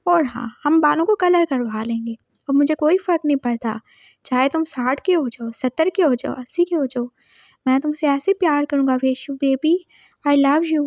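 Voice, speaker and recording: A woman's voice: sits high, moderate pace, a little mellow, no room sound, studio quality. A woman voicing a doting, teasing young husband. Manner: coaxing, teasing.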